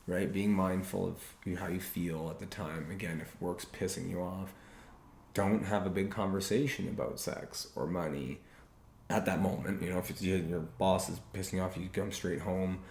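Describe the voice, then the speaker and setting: A man with a low, steady, creaky voice and a darkish tone hosts a podcast about relationships. He talks casually but earnestly, slowly and carefully, in an echoey room with faint noise.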